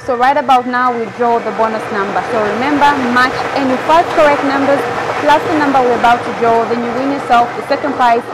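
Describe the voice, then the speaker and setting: A young woman with a Zambian accent presenting a live lottery draw as host, announcing and repeating numbers deliberately. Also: high voice. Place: large TV studio, indoors. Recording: clearly noisy studio ambience.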